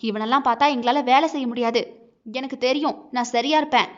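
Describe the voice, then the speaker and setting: A woman's voice: high voice, quick pace, lightly acted. A woman voicing a hurt young wife who argues back sharply and bitterly, in a dull lo-fi recording.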